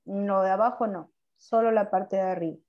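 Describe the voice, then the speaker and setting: In this online class, a language teacher asks her students questions and then praises what they answer. Her voice sits in the mid range, steady and moderately paced, though the recording sounds muffled.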